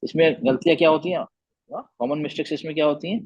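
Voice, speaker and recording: A man's voice: on the high side, fast talker, slightly rough, no room sound, dull audio. A man teaching Quran recitation in an online class, patiently repeating letter sounds and checking whether his students understood.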